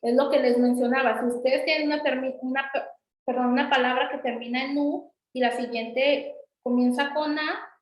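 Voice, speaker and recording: A woman's voice: sits high, fairly even intonation, moderate pace, reverberant, a little hiss or hum, low-quality recording. A woman teaching an introductory language class, patiently repeating example words. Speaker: Sanskrit teacher. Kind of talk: online class explanation.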